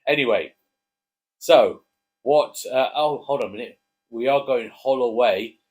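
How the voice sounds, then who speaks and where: A man's voice: medium pitch, a little slow. A man co-hosting a casual chat, jokey and chatty, prompting his co-host to speak. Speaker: co-host, father.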